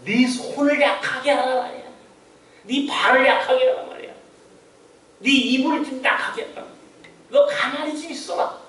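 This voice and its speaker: God as a stern, fatherly male voice, scolding and commanding in firm, high tones, as a preaching man puts him on. The sound fills a roomy church and reaches the mic from afar. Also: moderate pace, pauses often, a bit bright, far from the mic.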